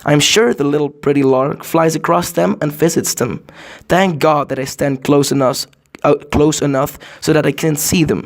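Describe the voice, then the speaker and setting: A man's voice: fairly high pitch, steady tone, moderate pace, gravelly. A merry, humble little flower girl from a fairy tale, read by a man. She speaks earnestly and with wonder, in storybook fashion. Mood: admiring. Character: merry, humble little female daisy flower, easily awed.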